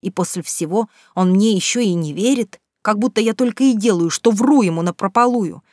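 A woman's voice: mid-range voice, brisk, no room sound, studio quality. Woman narrating an audiobook. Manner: steady first-person storytelling.

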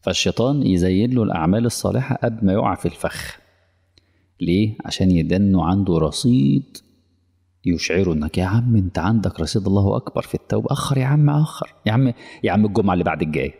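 A man's voice: low voice, fast, vocal fry, dark tone, husky, in a large hall. A male preacher with an Egyptian Arabic accent, giving a colloquial religious lesson in a conversational way, often checking that his audience follows. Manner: conversational, quizzing the audience, mock dialogues.

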